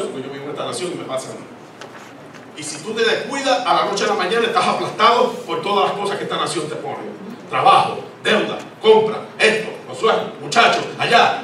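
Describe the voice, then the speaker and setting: A man's voice: sits high, noisy background. A man preaching a sermon in church, emphatic and repetitive, with call-and-response questions. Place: church sanctuary. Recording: echoey church hall, distant mic, congregation.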